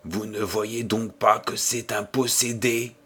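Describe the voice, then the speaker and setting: A man doing a hushed, fearful companion. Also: on the low side, little pitch movement, husky, exaggerated voice. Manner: hushed, hurried warnings. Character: fearful superstitious man, urgent.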